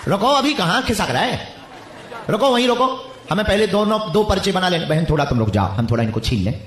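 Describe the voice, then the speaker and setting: A man's voice: sits high, sing-song, fairly quick. A man preaching live to a packed stadium, taunting and bossing people in the crowd. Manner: taunting, mocking, commanding the crowd. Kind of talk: live religious gathering address. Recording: echoey stadium with crowd ambience.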